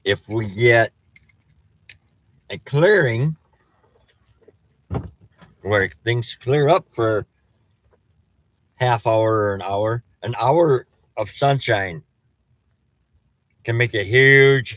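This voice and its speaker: Male storm chaser, whistling sibilants, unhurried pace, dry close sound, off-the-cuff forecast talk, halting delivery. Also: fairly low pitch, a bit bright, no echo. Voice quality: whistling S sounds from false teeth. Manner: halting, thinking aloud while reading. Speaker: storm chaser giving weather updates. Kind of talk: casual off-the-cuff weather commentary.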